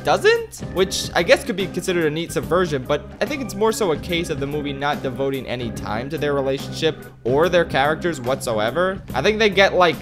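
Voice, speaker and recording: A man's voice: a little high, big pitch swings, brisk, few pauses, over music. A man hosting a comedic movie ranking, narrating with sarcastic, exasperated asides. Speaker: video essay host.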